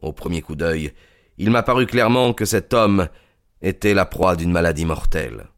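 A man narrating a story in a measured, descriptive way, like a dramatic audiobook reading. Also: sits low, expressive, dry recording, clean studio sound.

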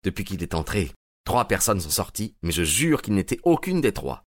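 A man's voice: low voice, sing-song, moderate pace, no echo, studio quality. A man reading an audiobook, voicing a young private detective who talks in an earnest, determined way.

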